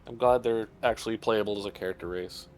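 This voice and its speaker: A man with a low voice rambling casually, like a streamer chatting. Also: fairly even intonation, quick pace, faint music behind.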